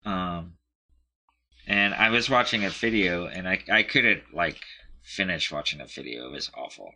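A man's voice: sits low, expressive, moderate pace, sharp tone, slight background noise. A man chatting casually, rambling and hesitant, often searching for words. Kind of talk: casual chat.

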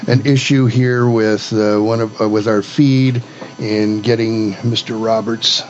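A man co-hosting a casual talk show, chatting in a halting, offhand way. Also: fairly low pitch, steady tone. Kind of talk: casual chat. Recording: dull lo-fi audio with faint noise.

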